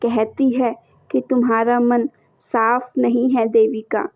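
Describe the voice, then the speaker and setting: A woman's voice: a little high, flat delivery, takes it slowly, dry recording. A woman reading as a tearful young bride. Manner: pleading, tearful confiding to her mother. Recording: dull lo-fi recording.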